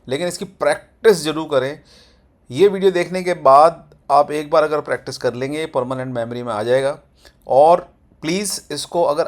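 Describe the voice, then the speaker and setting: A man teaching grammar in Hindi, drawing out example sentences slowly for pronunciation. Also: mid-range voice. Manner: slow, drawn-out model sentences for pronunciation. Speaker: English teacher. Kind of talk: Hindi-medium grammar lesson.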